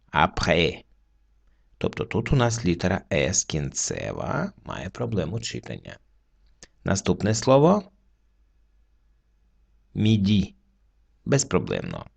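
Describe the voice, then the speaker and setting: Gravelly low-voiced male teacher. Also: darkish tone. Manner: slow, patient explaining with pauses. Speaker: French teacher. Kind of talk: word-by-word reading lesson.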